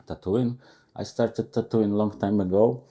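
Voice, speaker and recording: A man in his forties from Poland with a Polish accent, speaking halting non-native English as a guest in a casual interview. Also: on the low side, fairly even intonation, mellow. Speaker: guest tattoo artist. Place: tattoo shop.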